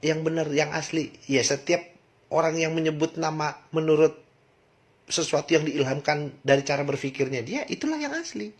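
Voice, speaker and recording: A man talking through a question in a casual monologue, asking many rhetorical questions and pausing on fillers. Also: on the high side, animated. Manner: reflective, asks rhetorical questions, frequent fillers. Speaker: channel host discussing religion.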